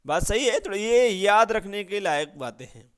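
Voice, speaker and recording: A man's voice: high-pitched, expressive, a bit bright, clear, resonant tone. A man giving an exam-prep grammar lesson, reading out word lists and checking in with his students after nearly every point. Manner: drills with constant "right?" check-ins and rhetorical questions; reads out word lists slowly. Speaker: Urdu grammar teacher.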